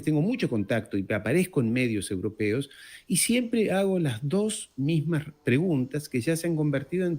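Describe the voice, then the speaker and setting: As an interview guest, a middle-aged man who was born in Uruguay and grew up in France talks politics conversationally, hammering words with emphasis and repetition. He has a fairly high-pitched, husky voice with a darkish tone.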